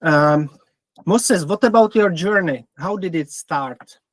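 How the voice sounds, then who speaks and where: A man from the Czech Republic hosts a podcast interview, asking slow, careful, polite questions. His voice sits somewhat high for a man. The recording is dry, with no room echo. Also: animated. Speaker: podcast host. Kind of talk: remote interview.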